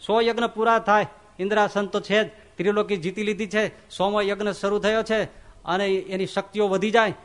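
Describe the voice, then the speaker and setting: A swami giving a religious discourse, telling stories in an animated way and acting out the voices of the figures. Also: male voice, sits high. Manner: animated storytelling, acts out quoted voices. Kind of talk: Gujarati religious sermon.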